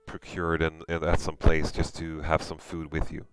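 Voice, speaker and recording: A man's voice: extremely low pitch, completely flat delivery, moderate pace, clear, resonant tone, no room sound, low-quality recording. A man with a Swedish accent running a tabletop game, describing scenes hesitantly with many fillers. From Sweden. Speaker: game master.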